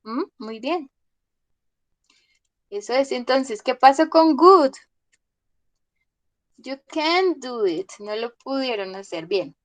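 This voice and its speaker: Slow, patient woman English teacher. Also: high voice, lively intonation, no echo. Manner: patient, checks in with "listo?" often. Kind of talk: online class explanation.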